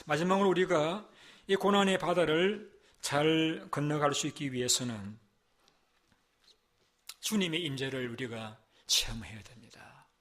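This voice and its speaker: A male pastor delivers a Sunday sermon with emphasis and lots of repetition. He alternates between loud, stressed phrases and quiet, low stretches, putting rhetorical questions to the congregation.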